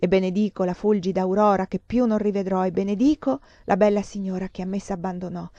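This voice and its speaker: A woman's voice: medium pitch, steady tone, fast talker, warm tone, dry recording, close to an everyday voice. A woman reading a passionate doomed nobleman. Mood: declaiming. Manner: declaiming, poetic. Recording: dull muffled sound.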